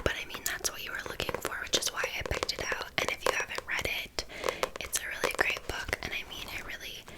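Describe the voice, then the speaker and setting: A woman speaks entirely in a hushed library whisper. It is a whispered role-play of a helpful librarian, gently explaining books and reading aloud without hurry. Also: low-quality recording. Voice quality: soft unvoiced library whisper. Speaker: ASMR host playing a librarian presenting books.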